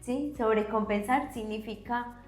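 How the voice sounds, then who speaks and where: A woman psychologist explaining concepts on a podcast, teacherly, often checking in with a quick question. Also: fairly high pitch, roomy sound, faint music behind. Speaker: psychologist guest.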